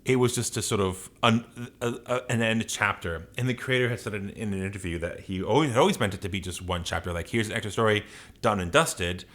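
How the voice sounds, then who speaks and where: A man's voice: on the low side, fast, fairly bright tone. A man co-hosting a podcast, chatting casually in a rambling, opinionated rant with plenty of swearing. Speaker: podcast co-host. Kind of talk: casual ranting podcast chat.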